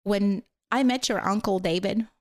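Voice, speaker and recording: The clean studio sound has no room sound, capturing a mid-range voice at a normal speed. She's a Latvian guest speaking English as a later language, accent and all, rambling through casual conversational stories with many fillers and apologetic laughs.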